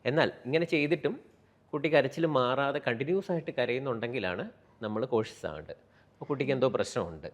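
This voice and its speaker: A man who is a pediatrician with a Kerala Malayalam accent, calmly explaining child health and dropping in English medical terms. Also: mid-range voice, brisk. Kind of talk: explaining to an interviewer.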